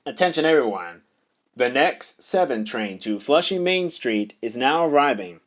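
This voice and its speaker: A man reads scripted subway announcements as a transit announcer, in a formal, measured way. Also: medium pitch, sing-song, a bit bright.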